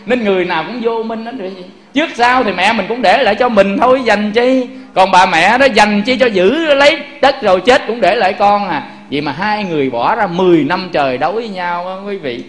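High-voiced man preaching. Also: a bit bright. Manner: rhetorical questions to the audience. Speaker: Buddhist preacher. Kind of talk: sermon. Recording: echoey room.

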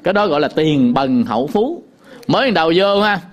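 A man teaching sutra chanting, explaining in quick casual talk and breaking into slow, drawn-out chanted demonstrations. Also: on the high side, sing-song. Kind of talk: chanting lesson with sung demonstrations.

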